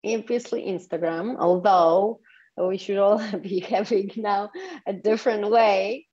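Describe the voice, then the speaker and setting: With a steady, slightly mellow mid-range voice at a measured pace, the Polish woman explains enthusiastically, leading listeners step by step. She is a sexuality coach being interviewed as a podcast guest from her home in Tulum, and the audio is dull and lo-fi.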